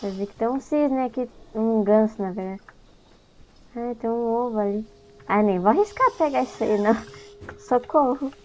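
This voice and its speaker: This is a young woman's let's-play on YouTube, her Brazilian Portuguese accent coming through in fairly high, darkish tones at a moderate pace. She keeps up casual, chatty commentary, addresses the game directly, and is quick to be startled. The lo-fi audio sounds dull, with a little hiss or hum and game music underneath.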